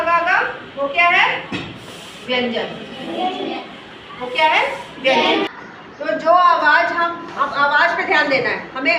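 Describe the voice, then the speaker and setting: A woman's voice: high-pitched, background noise. A woman teaching a class, asking the pupils question after question as she explains. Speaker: schoolteacher. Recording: very echoey classroom from far off.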